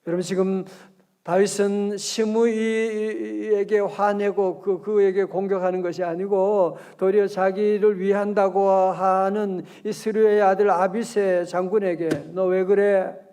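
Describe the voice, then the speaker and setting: At a dawn prayer service, a male pastor with a high-sitting, clear, resonant tone preaches conversationally and with energy. He frequently asks the congregation questions, slowing down for scripture readings.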